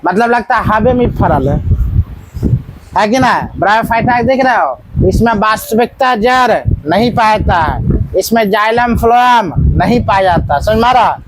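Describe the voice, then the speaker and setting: A man's voice: high voice, lively intonation, unhurried, noisy background. A man teaching a biology lesson to a small class, quizzing the students with repeated questions as he goes.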